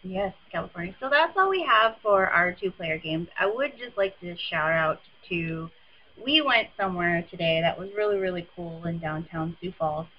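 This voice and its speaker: A woman co-hosting a casual chat, chatty and quick to laugh. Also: on the low side, animated, dull audio. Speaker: podcast co-host.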